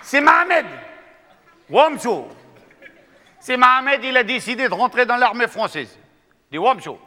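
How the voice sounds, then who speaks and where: Bright, high-voiced male joke teller. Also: a little slow, long reverb tail. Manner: lively storytelling. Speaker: comedian. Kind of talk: joke telling.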